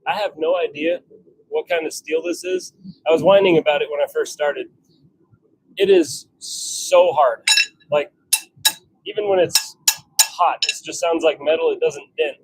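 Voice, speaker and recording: Expressive and slightly high, his voice unfolds unhurriedly with frequent pauses, over a low-quality recording with a little hiss or hum. This livestream host, a hobby blacksmith, works at his home forge while chatting casually to viewers and to himself.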